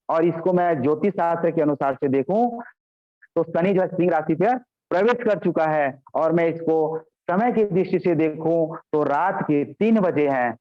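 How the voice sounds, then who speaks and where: A man giving a motivational business training on a video call, repeating key points and often addressing his listeners directly. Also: on the high side. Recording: dull lo-fi call audio.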